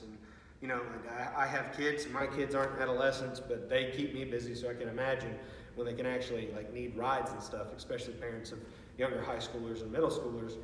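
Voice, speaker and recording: A man speaking as a youth pastor in an informal video message, earnest and halting, with repeated words. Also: mid-range voice, a bit bright. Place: large empty student ministry room with stage. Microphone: far from the speaker. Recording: very echoey hall, distant mic, faint noise.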